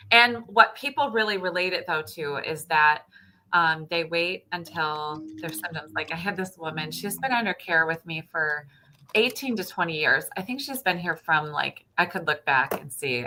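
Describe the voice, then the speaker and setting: A woman chiropractor chatting casually, telling patient stories and acting out their lines with lively emphasis. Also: deep voice, moderate pace, rough recording. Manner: animated storyteller, acts out patient dialogue. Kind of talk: casual chat.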